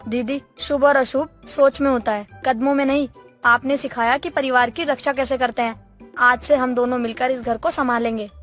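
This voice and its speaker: Brief: woman as a high-voiced, firm cartoon bride, music under. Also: steady tone, normal speed, a bit bright. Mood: warm. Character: bold young daughter-in-law. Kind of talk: cartoon voice acting.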